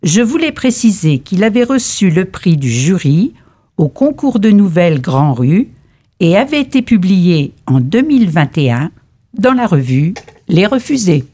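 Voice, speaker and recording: Woman presenter, lowish mellow voice, lively intonation, informative. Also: measured pace. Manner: informative introduction.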